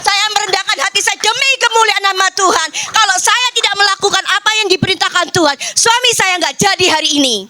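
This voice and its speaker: An older woman pastor preaching a sermon in church, telling a personal testimony with emotional swings between loud and hushed, mixing formal preaching with casual slang. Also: sits high. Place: church service.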